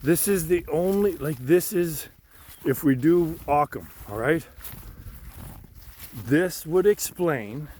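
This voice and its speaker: A vlogger shares his personal philosophy while walking through woodland by a pond, musing slowly in a halting way, repeating himself, trailing off and swearing casually. His fairly high voice has lively intonation and a darkish tone, with slight background noise.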